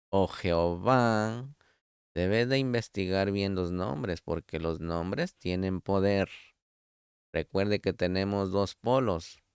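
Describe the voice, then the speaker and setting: Slow, crisp-voiced male preacher. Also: deep voice, no echo, clean studio sound. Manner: slow, deliberate teaching with scripture quotes; addresses listener directly as beloved. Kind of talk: Torah study sermon.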